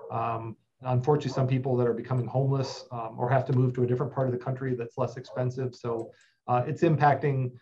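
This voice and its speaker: A man's voice: medium pitch, little pitch movement, fast, dark tone, lo-fi sound, a little hiss or hum. A man in his forties explaining shelter services steadily over a video call, with many filler sounds. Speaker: animal shelter representative. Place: office with plain wall.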